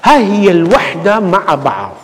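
A man's voice: high voice, wildly swooping pitch, normal speed. A man with an Iraqi Arabic accent preaching a sermon as a priest, building his points with rhetorical questions and repeated phrases. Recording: long church reverb.

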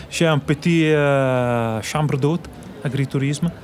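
A man's voice: medium pitch, slow pace. A man from Italy speaking French with an Italian accent, a winemaker answering radio interview questions and often restarting as he searches for words. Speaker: winemaker guest.

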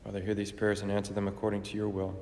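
Low, flat male priest, cathedral echo. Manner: solemn, measured intoning. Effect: long cathedral-like reverb. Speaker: priest celebrating Mass. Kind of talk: liturgical prayer and recitation. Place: large church. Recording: roomy church hall echo, faint noise.

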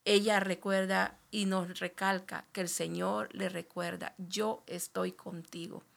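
A woman pastor hosting a faith podcast, gently affirming and addressing her guest as sister. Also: mid-range voice, level tone, a little slow, gravelly. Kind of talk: pastoral commentary.

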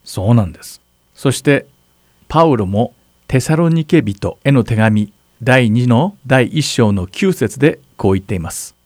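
A man serving as pastor, calmly explaining scripture in a Bible question-and-answer talk. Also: mid-range voice, a little slow, no echo, studio quality. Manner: calm, explanatory, asks partner to read verses. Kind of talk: Bible Q&A teaching.

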